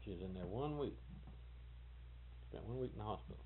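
A man's voice: lowish voice, lively intonation, fairly quick. A man, rambling and correcting himself as he tells family history in a casual interview. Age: 40s. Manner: rambling, folksy, self-correcting. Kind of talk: casual oral history talk. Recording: tinny old tape with hiss.

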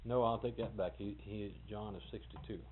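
On hissy, tinny old tape, a man in his 40s recounts his family's past during a casual oral history interview. His lowish voice holds a steady tone at normal speed as he wanders off track, folksy and self-correcting.

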